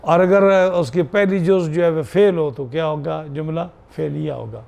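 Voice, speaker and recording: A man teaches a grammar class with a gravelly, somewhat high voice. He repeats each key term and pauses to check that his students follow. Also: a little mellow, lo-fi sound. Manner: repeats terms and checks with short asides to students. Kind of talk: classroom lesson on Arabic grammar.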